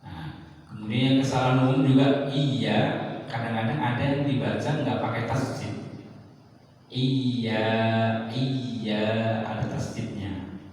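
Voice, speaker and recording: A man teaching a slow, explanatory mosque lesson on prayer, chanting short recitation examples. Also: mid-range voice, fairly even intonation, darkish tone. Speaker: religious teacher. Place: mosque hall. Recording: echoey hall, distant mic.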